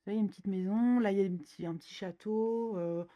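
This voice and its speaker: A coloring YouTuber flips through coloring books and chats in a medium-pitched, fast, dark voice, a little nasal from a cold. She's chatty, slangy, and self-mocking, with lots of fillers.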